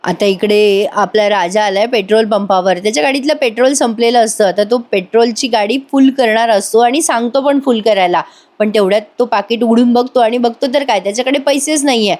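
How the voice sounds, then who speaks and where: A woman with a fairly high voice recaps a soap episode in a chatty voice-over. She talks in a relaxed, conversational way, as if telling a friend what happened. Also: brisk. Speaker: TV serial reviewer. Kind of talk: casual retelling of a soap episode.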